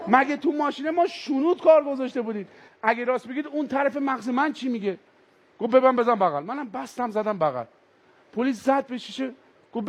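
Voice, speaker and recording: Male stand-up comic, very high pitch, animated storyteller who acts out characters. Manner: animated, switches into character voices. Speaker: stand-up comedian. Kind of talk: stand-up storytelling with acted voices. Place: stage before a live audience.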